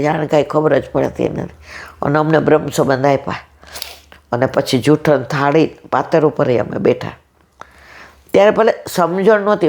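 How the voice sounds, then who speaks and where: Speaking at a satsang, a woman in her sixties tells a devotional story, acting out what each person says. Her voice is deep and a little mellow.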